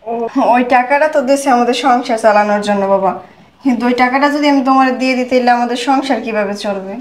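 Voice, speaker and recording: A poor mother, played by a woman, pleading and placating. Her voice sits fairly high and moves quickly. The room has a noticeable echo. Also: close to an everyday voice. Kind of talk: amateur short-film acting. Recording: echoey room.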